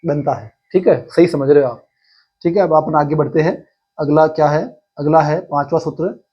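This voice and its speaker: A male teacher explaining a lesson in Hindi, slowly repeating key terms and answering his own questions. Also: fairly high pitch, dark tone, breathy edge, lo-fi sound. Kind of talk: exam-prep lesson.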